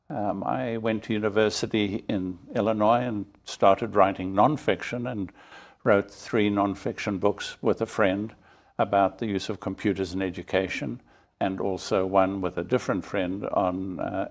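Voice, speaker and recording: A man, an author guest recounting his background in a measured, matter-of-fact way. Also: on the low side, fairly even intonation. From South Africa. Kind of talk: interview answers.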